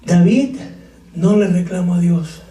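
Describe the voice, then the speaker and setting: Pastor de voz aguda predicando en iglesia con eco. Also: male voice, high voice, measured pace, warm tone. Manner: preaching with call-and-response, joking asides. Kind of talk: sermon. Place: church sanctuary. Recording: echoey church, far from mic.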